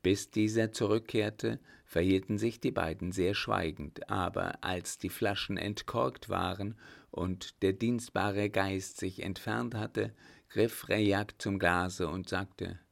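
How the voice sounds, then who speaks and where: A man reading a historical novel aloud as an audiobook narrator, in a measured, even manner. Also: deep voice, vocal fry. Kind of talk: scripted narration.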